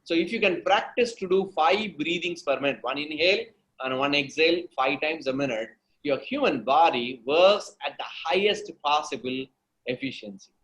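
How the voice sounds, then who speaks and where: A storytelling coach with an Indian accent answers conversationally as an interview guest, teaching emphatically, repeating phrases and checking in with the listener. His voice is fairly high and a bit bright at a moderate pace, and the audio quality is poor.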